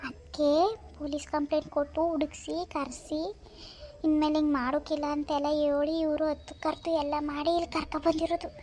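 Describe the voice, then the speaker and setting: A woman's voice: high voice, little pitch movement, brisk, a little mellow, slight background noise. A woman performing a village gossip comedy skit, voicing several quarrelsome, chattering women.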